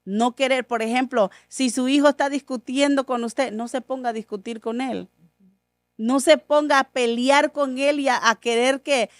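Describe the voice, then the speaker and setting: A woman with a high, bright-pitched voice tells a heartfelt faith story in a radio studio. She speaks earnestly and casually, slipping into the voices of her family as she quotes them. The sound is close and dry, with no room echo. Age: adult, mother of a school-age son. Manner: earnest, acts out quoted dialogue. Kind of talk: conversational faith testimony.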